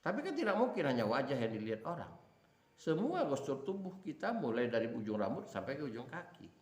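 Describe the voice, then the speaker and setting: A man's voice: medium pitch, big pitch swings, a little fast. A man teaching a class, explaining and demonstrating intonation on single words. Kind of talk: lecture on voice and acting practice. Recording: echoey room.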